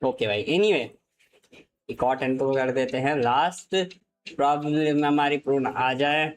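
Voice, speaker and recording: Excitable Indian game streamer, man. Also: medium pitch, a little slow, soft background music, low-quality recording. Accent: Indian English. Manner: excitable, swears, switches between Hindi and English mid-sentence. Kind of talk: live gaming stream commentary.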